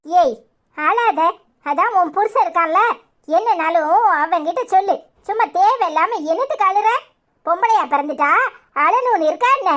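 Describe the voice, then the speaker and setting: A woman's voice: very high voice, animated, normal speed, a bit bright. A woman voicing a caring but bossy older mother-in-law in a cartoon, fussing with a Tirunelveli Tamil accent. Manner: fussing, instructing.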